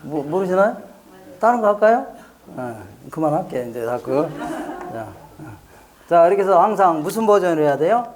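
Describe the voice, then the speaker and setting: A man from Korea's Chungcheong region gives an exam prep lecture in a playful, joking way, firing rhetorical questions at listeners and answering them himself while drilling mnemonics through repetition. His voice sits on the high side with big pitch swings and a slightly mellow tone, delivered at normal speed. There's a little hiss or hum in the recording.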